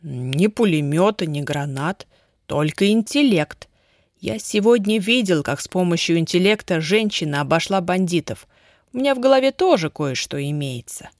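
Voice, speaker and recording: A woman's voice: lowish voice, normal speed, no echo. Woman doing an eager boastful teen boy. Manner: excited, boastful. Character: bold boastful teenage boy, eager and excited. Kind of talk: audiobook character reading.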